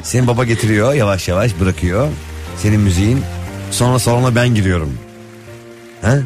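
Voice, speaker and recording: A man's voice: fairly low pitch, a little fast. Playful male radio host over music. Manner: playful, teasing, acts out imagined scenes. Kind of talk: casual comic banter with a co-host.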